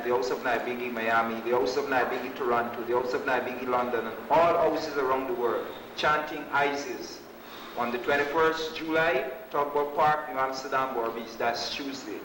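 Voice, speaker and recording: Male speaker, Rastafari speech, halting and deliberate event announcer. Roomy, far from the mic, some noise. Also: medium pitch, fairly even intonation, a bit bright. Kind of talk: public announcement at a gathering. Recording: echoey, distant microphone with background noise.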